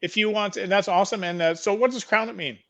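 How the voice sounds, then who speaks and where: A man's voice: high-pitched, fast, a bit bright. A man author hosting a live show, chatting casually and kindly, with many fillers. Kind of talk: casual chat.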